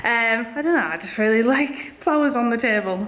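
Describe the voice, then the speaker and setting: A woman's voice: on the high side, animated, brisk. Chatty young woman vlogging at home. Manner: chatty, rambling with fillers. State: a little out of breath and tired. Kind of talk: casual vlog chat.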